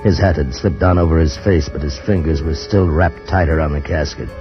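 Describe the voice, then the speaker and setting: Johnny, a haunted male adventurer telling of a desert ordeal, is voiced by an actor with a rumbling low voice in a brisk 1950s old time radio drama of first-person narration and dialogue. The tense, hushed narration conveys urgency and bursts into desperate cries, heard on a muffled old radio recording with music underneath.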